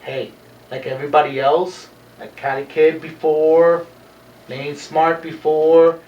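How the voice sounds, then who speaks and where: A brash man talks up his own wrestling wins, slipping Spanish words in between English. His voice sits a little high. The sound is echoey and distant, with faint background noise. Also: flat delivery, takes it slowly, dull audio. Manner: brash, mixes in Spanish phrases. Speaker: wrestler and co-host. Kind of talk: boastful wrestling promo chat.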